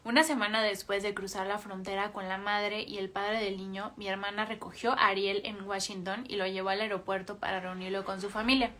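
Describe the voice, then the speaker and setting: A woman reading a book aloud for a book club, in a calm, measured way with small self-corrections. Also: mid-range voice.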